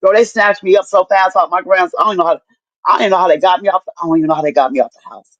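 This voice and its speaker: Profane, animated middle-aged woman storyteller. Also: on the low side, racing, dry recording. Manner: animated storyteller, profane, acts out what people said. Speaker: guest telling her story. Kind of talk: casual chat. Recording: dull lo-fi dry sound.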